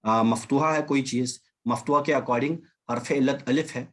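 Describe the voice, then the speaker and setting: A man's voice: mid-range voice, fairly even intonation. A man teaching an online language class over a video call, patiently repeating and drilling examples. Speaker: Arabic teacher.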